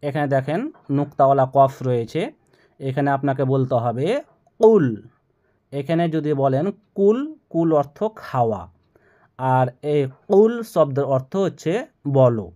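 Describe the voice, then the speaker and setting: A man's voice: mid-range voice, mellow. A man giving a Quran pronunciation lesson, explaining the rules patiently and repeating each phrase so learners can follow along. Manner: slow, drawn-out melodic recitation of verses. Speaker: Quran recitation teacher.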